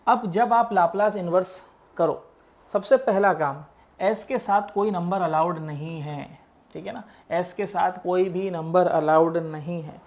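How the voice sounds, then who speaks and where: A man's voice: high voice, takes it slowly, darkish tone. A man teaching engineering maths, explaining worked problems step by step. He mixes English math terms into his talk and keeps checking that students follow.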